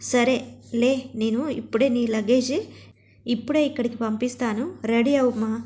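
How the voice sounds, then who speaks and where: A woman's voice: fairly high pitch, steady tone, moderate pace, dark tone, natural voice. A woman voicing a kind mother-in-law. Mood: gentle.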